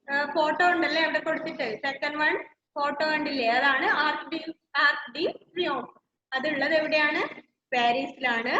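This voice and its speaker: A woman's voice: high voice, pushed and bright, slight background noise. A woman with a Malayali English accent, teaching young children in an online class and coaxing them with repeated questions. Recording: echoey, slightly dull video-call audio.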